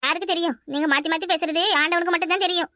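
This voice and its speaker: A woman's voice: extremely high pitch, fairly even intonation, very fast, no room sound, studio quality. A woman voicing a bitter, complaining young wife in a cartoon, speaking with a Kanyakumari Tamil accent. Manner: bitter, complaining, sharp-tongued. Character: hurt young wife, beaten by her husband. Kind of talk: cartoon voice acting.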